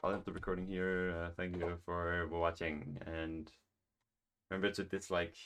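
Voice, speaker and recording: A young man giving casual gameplay commentary, musing aloud in a flat monotone and rambling. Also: low voice, moderate pace. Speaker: gaming vlogger.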